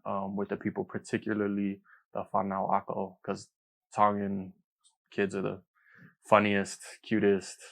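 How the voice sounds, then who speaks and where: A man's voice: fairly low pitch, monotone, measured pace, creaky, a bit bright. A young man co-hosting a podcast, chatting casually in an upbeat, joking way with slang. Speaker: podcast co-host.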